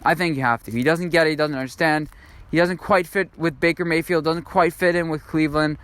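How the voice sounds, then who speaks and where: A man's voice: on the high side, steady tone, fairly quick, fairly bright tone, smooth. A young man giving an unscripted football commentary monologue, rambling and thinking aloud with frequent fillers and restarts. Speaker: sports video host.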